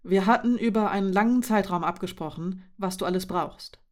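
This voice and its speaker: Woman voicing a soft-spoken careful young man, calm, cautious, audiobook dialogue. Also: medium pitch, fairly quick, natural voice. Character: gentle careful young man, attentive partner.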